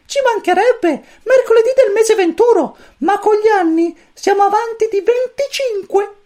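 A woman voicing a tiny, fussy male cosmic chick who commands a spaceship, squeaky, stern and lecturing, in a storybook reading. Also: moderate pace, warm tone. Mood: fretful.

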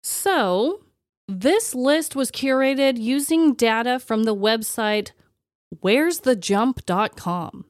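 A woman's voice: fairly high pitch, slow pace, dry recording, studio quality. A woman co-hosting a podcast in casual, chatty style, sounding nasal and congested with a slight cold. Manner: animated, chatty, self-deprecating. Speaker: podcast co-host. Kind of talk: casual chat.

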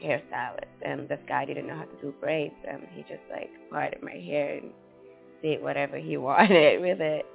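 A woman's voice: sits low, steady tone, moderate pace, vocal fry. A young woman in her twenties, a model, speaking candidly about her experiences backstage. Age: 20s. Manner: casual, candid. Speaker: fashion model. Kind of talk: interview testimonial. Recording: phone-like sound with faint music.

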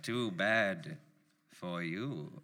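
A man's voice: deep voice, very slow, very noisy. An actor playing a menacing, gloating male cult villain in a live comedy audio drama. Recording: live venue with long reverb.

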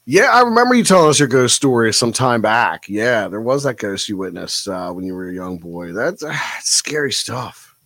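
A man hosts a late-night live stream, pondering viewer comments in a relaxed, reflective way. His pitch moves around expressively. The sound is close and dry, with no room around it. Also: brisk, hardly any pauses, no echo. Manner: thoughtful, reflective, with frequent fillers. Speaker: livestream host. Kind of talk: casual livestream chat reading viewer comments.

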